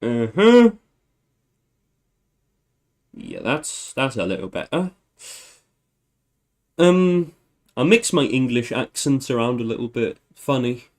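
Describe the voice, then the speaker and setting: Man, livestream host, unhurried, mid-pitched, meandering, self-correcting. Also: expressive, a little mellow. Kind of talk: casual thinking-aloud livestream.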